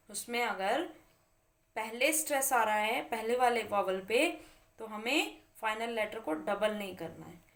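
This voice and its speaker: A woman with a slightly high, somewhat bright voice teaches English spelling rules in Hindi. She emphasizes example words and asks questions that she then answers herself.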